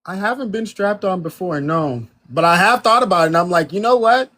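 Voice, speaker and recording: A young man in his twenties, with a slightly high-pitched voice, is a guest on a dating show. He joins through a video call and chats in an easygoing, playful way. He laughs easily. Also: lively intonation, fairly quick, pushed and bright. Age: 20s. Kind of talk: casual interview chat.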